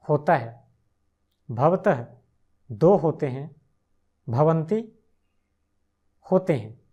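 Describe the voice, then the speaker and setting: A language teacher speaks at a slow, measured pace, reciting each verb form one by one and then repeating the set as a drill. The voice sits in a middle register, and the asides are short, patient and reassuring. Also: mid-range voice, a little mellow. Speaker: Sanskrit teacher.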